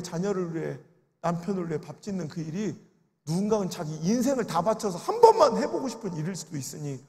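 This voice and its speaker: Male pastor, emotional storytelling sermon, high gravelly voice, big reverberant hall. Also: darkish tone. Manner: storytelling, acts out quoted voices with sobbing cries. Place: large prayer retreat sanctuary. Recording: reverberant large worship hall.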